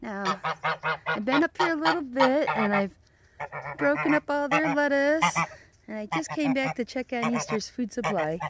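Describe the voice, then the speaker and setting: A woman's voice: high-pitched, lively intonation, moderate pace, a loud crowd. A woman vlogging outdoors on a farm, talking to her pet goose in cooing baby talk and chuckling often. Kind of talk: casual outdoor vlog with pet geese. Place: outdoors on a cold farm property. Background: geese honking.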